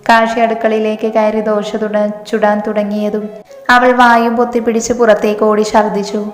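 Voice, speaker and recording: A woman storyteller giving scripted story narration in an even, measured reading. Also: medium pitch. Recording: roomy reverb, faint music.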